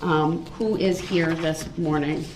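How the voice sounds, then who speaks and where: A woman judge giving firm, measured instructions and rulings, heard in a courtroom recording played back. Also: deep voice, fairly even intonation, a little mellow. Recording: echoey, distant, noisy courtroom recording.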